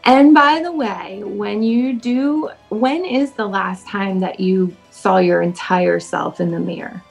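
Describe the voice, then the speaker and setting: A woman with a gravelly edge to her voice reads out roast insults over a video call. She keeps a deadpan, mock-sweet tone throughout. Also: mid-range voice, slow pace, soft background music, low-quality recording. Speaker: roast contestant.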